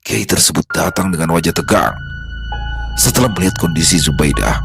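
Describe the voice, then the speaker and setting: A man narrating a horror story in a slow, somber, measured way. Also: deep voice, expressive, gravelly. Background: background music.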